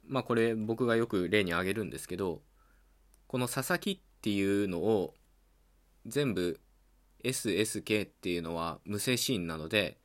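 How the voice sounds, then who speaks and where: Speaking alone in a fairly low-pitched voice, this podcast host explains points of language calmly and patiently, like a teacher. Between ideas he frequently lingers on a filler.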